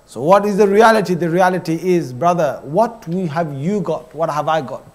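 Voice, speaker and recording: A man's voice: on the high side, expressive, moderate pace, a little mellow. A man with a British accent giving a mosque sermon, speaking directly to brothers and sisters and repeating phrases for emphasis. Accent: British English. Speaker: preacher. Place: mosque hall.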